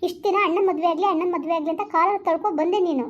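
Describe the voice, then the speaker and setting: A woman's voice: extremely high pitch, rapid-fire, highs cut off. A woman playing a hurt, sulking young girlfriend. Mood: reproachful. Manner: reproachful, repeats herself. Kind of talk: village skit phone-call acting.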